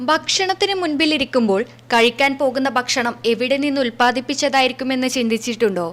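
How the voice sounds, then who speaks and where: A woman newsreader reading local news in a formal, measured delivery. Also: sits high, a bit bright.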